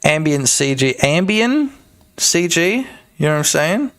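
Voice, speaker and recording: Male indie game-dev streamer; casual, joking livestream banter with chat, a touch high-pitched. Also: big pitch swings, a little slow, fairly bright tone. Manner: chatty, joking, talks to chat.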